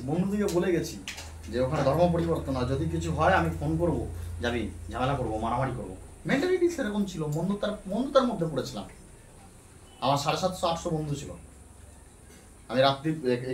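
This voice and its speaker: A man's voice: a little high, a little hiss or hum. A man giving a fervent spoken testimony at a church meeting, repeating his words of praise. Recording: echoey hall, mic off at a distance.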